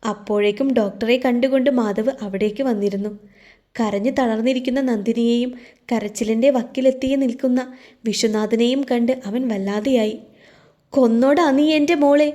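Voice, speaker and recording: A woman storyteller giving a steady, emotive scripted narration of a romance novel. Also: fairly high pitch, normal speed.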